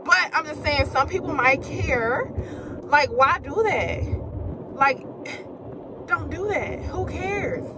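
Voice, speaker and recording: A woman's voice: high voice, animated, slow pace, pauses often, very noisy. A young adult woman vlogger chatting casually from a car, blunt and emphatic, with slang and laughs. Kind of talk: casual chat. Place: inside a car.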